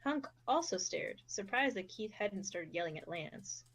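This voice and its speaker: A young woman narrating an amateur fan fiction reading with steady, expressive delivery. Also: mid-range voice, unhurried. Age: young adult.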